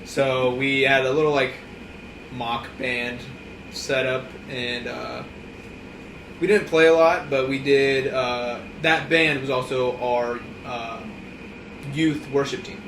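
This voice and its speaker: A man's voice: mid-range voice, fairly even intonation, fairly bright tone. Earnest young man heard from afar. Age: young adult. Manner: earnest, halting, many "uh" pauses. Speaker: bassist guest, music student. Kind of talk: casual interview answers. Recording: echoey room, far mic, background hum.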